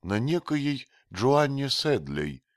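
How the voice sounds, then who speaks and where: A man voicing a timid, gentle youth with a high, soft boyish voice in a read-aloud story. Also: big pitch swings, takes it slowly, dry recording, clean studio sound. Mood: pleading. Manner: pleading, teasing.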